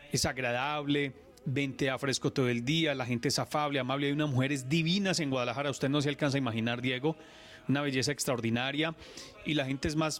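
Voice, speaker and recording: During a radio interview, a male Colombian sports journalist tells his stories in an earnest, lively manner. His voice is medium in pitch.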